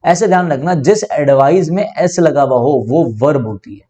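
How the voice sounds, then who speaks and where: This is a young man with an Indian accent giving an online English grammar lesson. His voice sits a little high for a man. He explains each rule step by step, often asks the class a question and then answers it himself. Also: normal speed, warm tone. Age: young adult.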